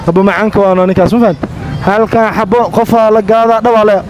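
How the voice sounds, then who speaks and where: A man hosting a casual prank vlog on a city street, chatty and quick, slipping English into his talk. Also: high voice, fairly even intonation, a crowd in the background, background noise. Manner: rapid, chatty, mixes in English phrases. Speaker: prank vlogger.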